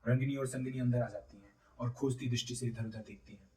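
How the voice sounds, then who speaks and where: A man reading a play aloud, narrating its stage directions in a steady, even way. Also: medium pitch, fast. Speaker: reader. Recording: roomy, distant from mic.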